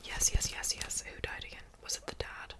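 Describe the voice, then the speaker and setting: A woman whispering ASMR close to the mic in a casual book chat, breathy and unvoiced, softly repeating words and phrases. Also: brisk. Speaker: book review vlogger.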